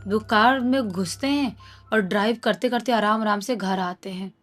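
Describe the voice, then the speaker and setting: A woman's voice: mid-range voice, normal speed, fairly bright tone, faint music behind. A woman narrating a horror story in a dramatic, conversational way. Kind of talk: casual spoken storytelling.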